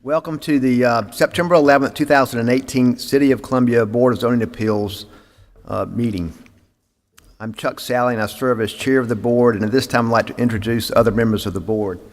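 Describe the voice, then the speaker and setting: A man's voice: medium pitch, steady tone, fairly quick. A man chairing a city board meeting, reading procedure formally with frequent "uh" fillers, on a meeting microphone. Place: city hall meeting chamber. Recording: echoey council chamber.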